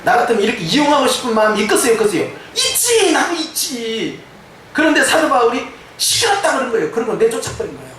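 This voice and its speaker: A male pastor delivering a lively sermon, acting out voices he quotes, with a touch of Jeolla dialect. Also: very high voice, very fast, few pauses, a little hiss or hum. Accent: Korean, some Jeolla dialect. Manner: animated preaching, mimicking quoted voices. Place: church sanctuary. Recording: echoey church hall from far off.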